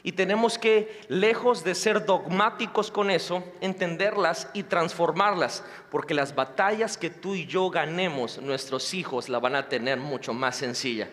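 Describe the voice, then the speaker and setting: A male pastor giving a sermon in an animated way, swinging between loud and hushed delivery. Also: fairly high pitch, measured pace, hardly any pauses. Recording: long hall reverb.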